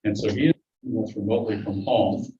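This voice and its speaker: A man's voice: on the low side, fairly even intonation, moderate pace, heavy background noise. A man chairing a public board meeting, his voice muffled through a face mask, running the agenda with dry asides. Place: meeting room. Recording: dull echoey room recording from a distance.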